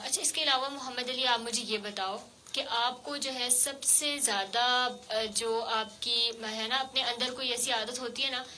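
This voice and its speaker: Radio host lady chatting w a kid, high bright voice, soft coaxing, lots of fillers. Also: slight background noise. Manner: gentle, coaxing questions with many fillers. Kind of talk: interviewing a child guest on radio. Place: radio studio.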